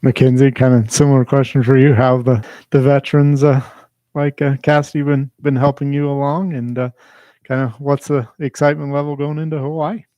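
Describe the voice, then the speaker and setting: A man interviews athletes. He asks halting questions full of fillers. His voice is mellow and dark and stays level in pitch, and the recording sounds dry. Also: level tone, no echo, dull audio. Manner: halting, many "uh" and "kinda" fillers. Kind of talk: media scrum questions.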